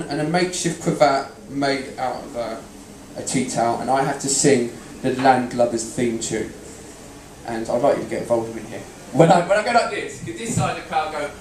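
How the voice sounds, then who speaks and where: Chatty young stand-up comic, echoey room. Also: male voice, on the high side, slight background noise. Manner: chatty, bantering with the audience. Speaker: stand-up comedian. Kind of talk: live stand-up storytelling. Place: comedy venue in front of an audience. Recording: roomy live venue, distant mic.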